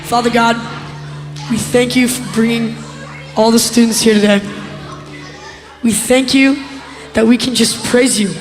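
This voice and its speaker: A worship leader praying softly and quickly in an earnest tone. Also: medium pitch. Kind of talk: spoken prayer. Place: large hall. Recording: reverberant hall with background music.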